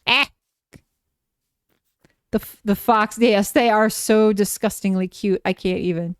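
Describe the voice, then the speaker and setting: A woman streamer giving casual live gameplay commentary, gushing and excitable as she talks to herself and her chat. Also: medium pitch, a little slow, clean tone, no echo, clean studio sound.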